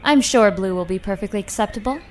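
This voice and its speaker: An actress in an audio drama playing a curious, sceptical young feline alien companion, plain-spoken and dry. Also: female voice, medium pitch, fast talker, background noise, close to an everyday voice.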